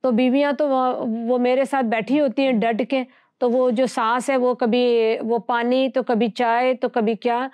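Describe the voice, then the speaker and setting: A woman with a fairly high voice teaches from scripture in an earnest, conversational way. She presses her points with rhetorical questions. The sound is dry and close. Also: steady tone, dry recording, lo-fi sound. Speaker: Bible teacher.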